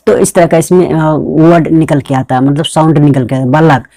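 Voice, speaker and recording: A man gives an online pronunciation lesson at his computer, often asking a question and answering it at once. His voice is mellow and dark, recorded dry and close with no room sound. He lingers on each word and says it more than once. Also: a little high, fairly even intonation, moderate pace, no echo. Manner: repetitive, asks and answers his own questions. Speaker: English pronunciation teacher. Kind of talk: screen-recorded tutorial lesson.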